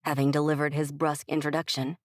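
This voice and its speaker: A woman narrating a first-person romance audiobook in a measured, expressive storytelling manner, close to the mic. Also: low-pitched, no room sound.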